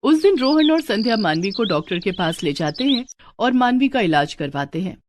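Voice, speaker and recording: A woman narrating a scripted cartoon story in an even, matter-of-fact way. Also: mid-range voice, moderate pace, background noise.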